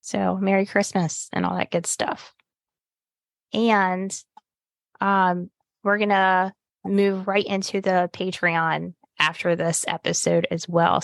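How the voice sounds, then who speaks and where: A woman's voice: fairly low pitch, creaky, dry recording, clean studio sound. A woman hosting a podcast, opening the episode with upbeat, chatty plugs and banter. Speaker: podcast host. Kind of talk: casual podcast chat.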